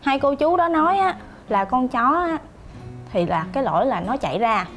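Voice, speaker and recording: High-voiced Southern Vietnamese polite, earnest young daughter for a TV sketch. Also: female voice, lively intonation, normal speed. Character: level-headed young daughter who explains the traffic law. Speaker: daughter in a traffic-safety skit. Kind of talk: televised comedy sketch acting. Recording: music bed under the dialogue.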